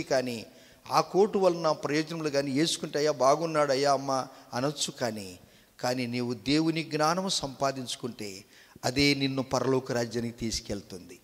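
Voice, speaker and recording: A man preaching a Sunday sermon as pastor, swinging from quiet asides to loud, drawn-out proclamations and quizzing the congregation with questions. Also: fairly high pitch. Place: church. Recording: echoey church hall.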